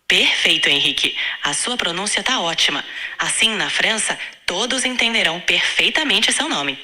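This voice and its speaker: A woman's voice: medium pitch, expressive, normal speed, bright, forceful tone. A synthetic female AI voice acting as a language tutor, polite, patient and encouraging.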